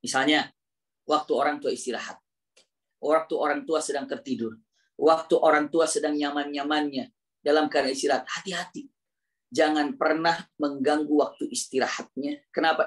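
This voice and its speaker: A male Islamic preacher, giving a slow, emphatic sermon that repeats phrases and acts out dialogue. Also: a little high, fairly even intonation. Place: mosque study gathering.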